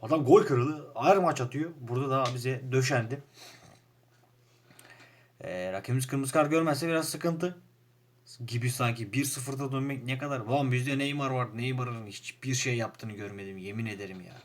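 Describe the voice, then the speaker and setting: A young man with a Turkish accent giving casual commentary over a football manager game, frustrated and grumbling, jumping from loud outbursts to low muttering. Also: normal speed. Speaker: gaming YouTuber playing a football manager game.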